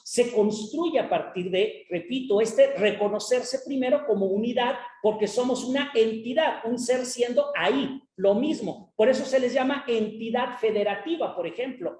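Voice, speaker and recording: A woman's voice: fairly high pitch, a little mellow. A Mexican woman who teaches gives an explanatory academic panel talk, checking in with her listeners as she goes. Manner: explanatory lecturing, tag questions to listeners. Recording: roomy echo.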